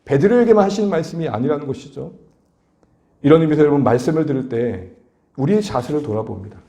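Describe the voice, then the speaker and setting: Animated male preacher, mellow, echoey church. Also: fairly high pitch, fast, vocal fry. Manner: animated preaching with rhetorical questions to the congregation. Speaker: pastor. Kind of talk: sermon. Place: church sanctuary.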